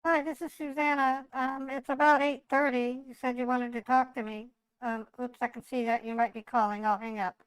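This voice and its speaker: A man's voice: very high voice, level tone, moderate pace, few pauses, fairly bright tone, clean tone, pitched above the performer's own voice, poor audio. A man using a voice changer to play a polite, chatty woman caller named Susanna, leaving a hesitant voicemail full of ums. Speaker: scam-baiting streamer. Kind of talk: casual phone talk.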